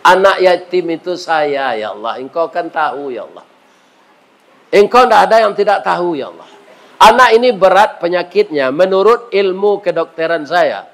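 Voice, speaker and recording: A preacher voicing a tearful devout doctor. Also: male voice, animated, moderate pace. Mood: tearful prayer. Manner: solemn, pleading prayer in a lowered voice. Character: devout grateful male doctor, tearful and pleading.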